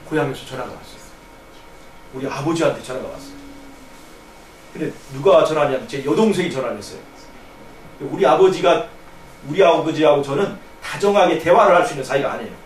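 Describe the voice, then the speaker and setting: High-voiced man preaching in echoey church. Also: expressive, fairly quick, pauses often. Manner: earnest storytelling, swinging from hushed to raised. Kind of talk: sermon testimony. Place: church hall. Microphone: distant room mic on a live stream. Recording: echoey church from a distance, faint noise.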